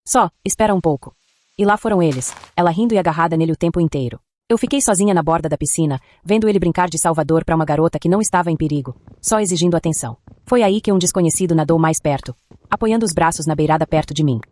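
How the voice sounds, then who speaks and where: A woman narrating a first-person story in a brisk, even way. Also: low-pitched.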